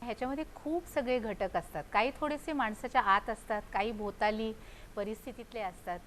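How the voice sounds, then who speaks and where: An older woman, a psychiatrist guest, explaining calmly and using proverbs. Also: a little high, a little fast, slight background noise. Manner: calm, explanatory, uses proverbs. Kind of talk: explanatory studio talk.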